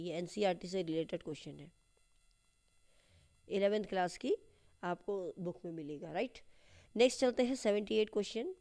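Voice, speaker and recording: A woman teaching English grammar and literature in a lesson that walks through an exam paper, explaining in Hindi and slowly dictating English sentences. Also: medium pitch, dark tone. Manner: slow, deliberate dictation of English phrases.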